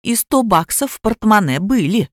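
A woman voicing a quarrelsome middle-aged mother who drinks, shrill and accusing, in a storybook reading. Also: animated, moderate pace, darkish tone, dry recording, clean studio sound, close to an everyday voice. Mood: hissing.

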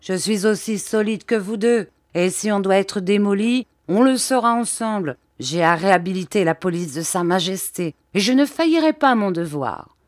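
A woman voicing a proud, pugnacious English male detective who speaks high and excited. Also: normal speed, few pauses, dry recording, clean studio sound, lightly acted. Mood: indignant.

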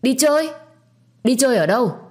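A woman voicing a harsh, bossy old grandmother who scolds sharply and loudly. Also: on the low side, expressive, a little fast, close to an everyday voice. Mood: scolding.

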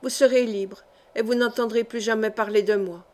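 This audiobook of a historical novel has a female narrator taking the part of a tormented young nobleman who pours out bitter, impassioned pleas to his wife. She acts it lightly in a somewhat high voice. Her tone is steady, slightly mellow, and natural, at a moderate pace.

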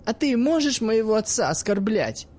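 A man voicing a cheeky, quick-tempered young woman who mocks and swears freely in a raised, high-pitched voice. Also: sing-song, darkish tone. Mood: defiant. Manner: cocky, mocking, swears freely.

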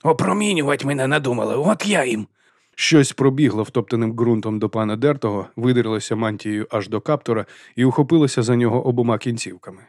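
A man narrating an audiobook in an even storytelling voice. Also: medium pitch, no room sound, studio quality. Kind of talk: scripted narration.

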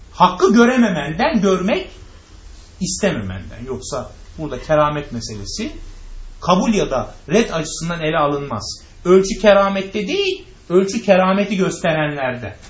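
A man's voice: high-pitched, echoey room, dull audio. A man teaching a religious class who asks rhetorical questions, answers them himself and speaks straight to his listeners. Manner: addresses listeners directly. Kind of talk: lecture to a class.

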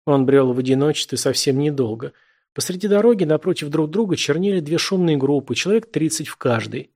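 A man reading literary prose aloud as an audiobook narrator, in a steady, measured storytelling manner. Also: a little high.

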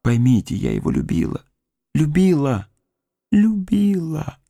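A man's voice: mid-range voice, unhurried, creaky, mellow, dry recording, studio quality, voice pushed up. A man reading the part of a grieving young woman who mourns her dead fiancé, pleading and tearful. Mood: desperate. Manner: pleading, tearful, rising to cries. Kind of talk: audiobook character reading.

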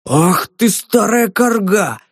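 A male audiobook narrator voicing a fat, grumpy and quick-tempered gatekeeper. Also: a little high, darkish tone, no echo, studio quality, natural voice. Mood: indignant, blustering. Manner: grumbling, indignant, blustering.

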